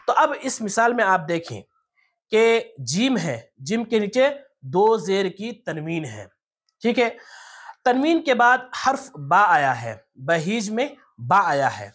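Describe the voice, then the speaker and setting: A patient teacher works through the lesson step by step. The voice sits at an ordinary middle pitch. The teacher often stops to ask questions and draws out letter sounds slowly, syllable by syllable. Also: very animated, a bit bright, breathy edge. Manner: patient, explains step by step and asks rhetorical questions. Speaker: Quran recitation teacher. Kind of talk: tajweed lesson.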